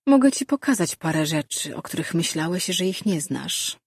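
A woman voicing a sly, sardonic male presence in a man's mind who taunts slowly. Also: fairly low pitch, very animated, slightly rough, dry recording, studio quality, heavily acted. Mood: taunting.

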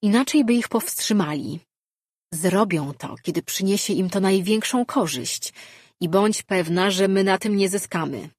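A haughty, domineering male voice that speaks from inside another man and hands down stern warnings about the gods, as a woman reads him out, slightly husky and close on a dry mic. It stays cold and superior throughout. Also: medium pitch, animated, unhurried, darkish tone, no room sound. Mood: arrogant. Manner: imperious, haughty. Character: arrogant commanding male spirit voice.

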